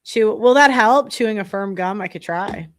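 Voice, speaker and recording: Speaking at a normal speed, a young woman with a medium-pitched nasal voice addresses her podcast viewers in a blunt, casual, rambling way full of fillers. Her breathing is heavy throughout.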